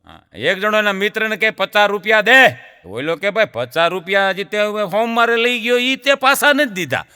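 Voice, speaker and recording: A man's voice: sits high, moderate pace, smooth, long reverb tail. A man with a Gujarati accent performing stand-up folk comedy, telling jokes and stories to an audience he keeps calling sir. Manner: lively folk storyteller, addresses audience as sir.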